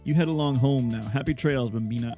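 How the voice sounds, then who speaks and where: A man voicing a swaggering male detective who poses as a Wild West sheriff, reading video game dialogue in a slow put-on southern drawl. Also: mid-range voice, dark tone, soft background music, close to an everyday voice.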